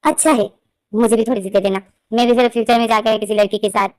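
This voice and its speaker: A woman's voice: a little high, fairly even intonation, quick pace, a little mellow, no echo, lightly acted. A woman doing a snappy irritated young man. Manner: snappy and annoyed. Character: irritated, proud young man rebuffing advances.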